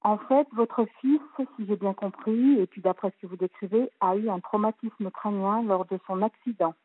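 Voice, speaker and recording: A woman's voice: mid-range voice, normal speed, husky. A woman in her fifties calling a radio advice show, earnest and hesitant, her voice sounding hollow as if talking through a tube on a tinny phone line. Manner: earnest, hesitant, many fillers. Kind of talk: call-in advice talk.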